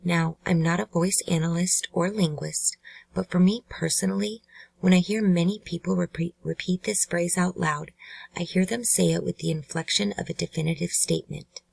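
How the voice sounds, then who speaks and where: A woman hosting a true crime channel, giving measured, earnest scripted narration. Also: lowish voice, steady tone, vocal fry, a little mellow, husky, no room sound, poor audio.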